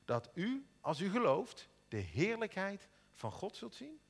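Solemn, commanding male teacher read by a preacher, measured pace, hall reverb. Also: high voice, huge pitch swings, vocal fry, breathy edge, voice pushed up, exaggerated voice.

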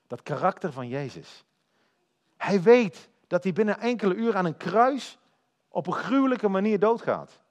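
A man preaching a sermon, telling the story in a lively way and speaking directly to his listeners. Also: sits high, normal speed.

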